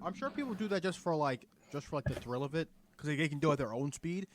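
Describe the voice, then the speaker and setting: Young guy cohosting a podcast, quick lively chatter, kinda high voice. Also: a little hiss or hum. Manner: fast, animated, joking. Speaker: podcast co-host. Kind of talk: casual chat.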